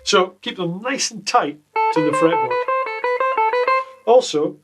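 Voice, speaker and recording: A man teaching guitar exercises in a casual lesson from a small home studio, full of deadpan jokes between the explanations. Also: high-pitched, takes it slowly. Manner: jokey, deadpan asides. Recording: loud guitar playing behind the voice.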